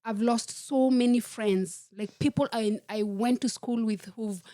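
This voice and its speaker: A woman from Kenya, a podcast guest telling her life story in a measured, reflective way. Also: a little high, steady tone, dark tone, dry recording, clean studio sound. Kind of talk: personal storytelling in a podcast interview.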